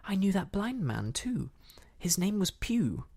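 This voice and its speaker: A man playing an eager young cabin boy from a seafaring storybook. He is polite and earnest, with a breathy voice that jumps up high and swings about in pitch. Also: big pitch swings, unhurried, heavily acted. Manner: respectful, earnest.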